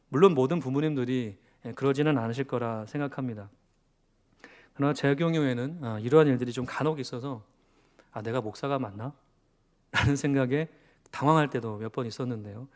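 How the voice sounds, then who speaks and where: A man in his thirties, a pastor, preaches from the pulpit and tells a story from his own family life. His voice sits at an ordinary middle pitch, earnest and confessional. He breaks into sudden raised bursts, then drops back to a quiet, reflective tone. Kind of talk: storytelling sermon.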